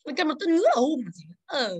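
A woman's voice: high voice, very animated, a little fast, darkish tone. A woman in her thirties from Vietnam, an English teacher going over exercises with her class in a classroom, calling on students by name and drilling pronunciation.

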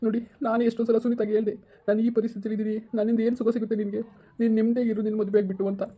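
A woman's voice: on the high side, flat delivery, rapid-fire, dark tone, close to an everyday voice. Pleading remorseful son-in-law, as a woman plays him. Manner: begging, apologetic. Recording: tinny phone-like sound.

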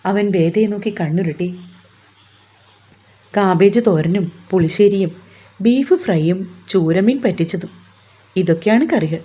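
A woman narrates a romance novel in a calm, even storytelling voice. Her tone is dark and mellow, with a soft husky edge. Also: on the low side, a little slow, long pauses.

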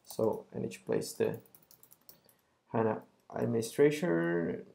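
A man, a software solution architect, narrating a screen-recorded software demo in a relaxed explaining way with frequent pauses and fillers. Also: mid-range voice, creaky.

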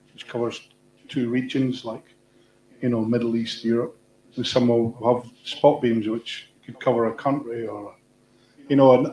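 A man's voice: medium pitch, a little mellow, slight background noise. A man on a conference panel, explaining at length with fillers and restarts. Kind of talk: panel discussion. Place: large conference hall on stage. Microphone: room sound from far in the audience. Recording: echoey hall from far off.

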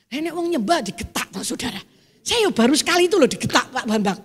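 A middle-aged woman with a Javanese accent preaching a sermon, telling chatty stories and swelling into loud exhortation. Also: high-pitched, big pitch swings, quick pace. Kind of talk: sermon with storytelling. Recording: echoey church hall.

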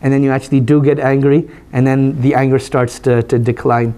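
Imam, hoarse voice, even and dark, chatty religious lecture with q&a. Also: male voice, medium pitch, fairly quick. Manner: relaxed, conversational, frequent "you know". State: hoarse, voice recovering. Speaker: imam teaching a study circle.

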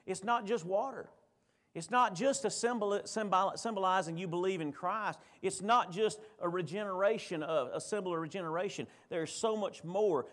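A man preaches a sermon. His voice sits a little high for a man. He talks conversationally, often stumbling, restarting and repeating words as he goes. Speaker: pastor. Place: church.

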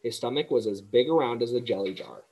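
A man, a teacher, narrating a children's book aloud in a calm, steady way. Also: medium pitch, fast, slightly rough, poor audio.

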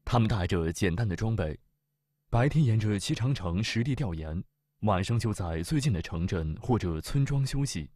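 A man narrating a travel documentary in a measured, formal way. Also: fairly low pitch, lively intonation, mellow, no echo, studio quality. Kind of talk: scripted narration.

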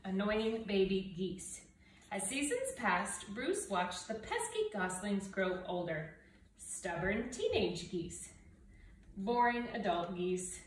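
A middle-aged woman with a mid-range voice gives an expressive, animated read-aloud of a children's storybook, full of dramatic emphasis. She's indoors in a living room by a brick fireplace and window, recorded by a camera a few feet away, so the sound is roomy and distant with faint noise.

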